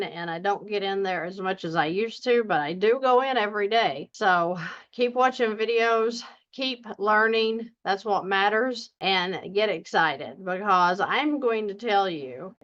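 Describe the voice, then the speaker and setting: Female finance coach, deep Southern accent, mid-pitched, folksy and earnest direct-to-viewer talk, slightly muffled lo-fi recording. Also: a bit bright. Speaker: personal finance coach and video host.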